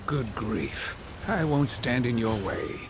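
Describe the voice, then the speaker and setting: A wary, slow-talking game companion, a little high, noisy backdrop. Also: male voice, very animated. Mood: worried. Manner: fretful, wary. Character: cautious fretful male companion.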